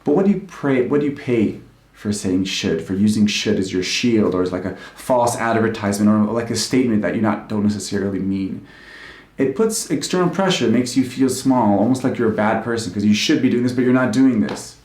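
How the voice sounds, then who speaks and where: A man's voice: on the low side, fairly quick, darkish tone. A male couples therapist giving an informal, conversational talk, explaining ideas with frequent filler words. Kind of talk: informal live-streamed talk. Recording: roomy echo.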